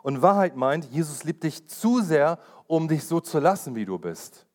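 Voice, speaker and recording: A man's voice: on the high side, big pitch swings, moderate pace. Earnest man preaching with repeated emphasis. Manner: personal testimony told with urgency. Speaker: pastor. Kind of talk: sermon.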